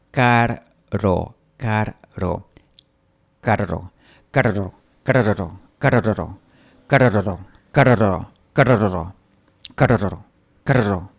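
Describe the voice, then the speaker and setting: Lower-pitched man vlogging in Spanish. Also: darkish tone. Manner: explains patiently, then drills words over and over. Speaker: vlogger documenting learning to trill R. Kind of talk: casual first-person vlog.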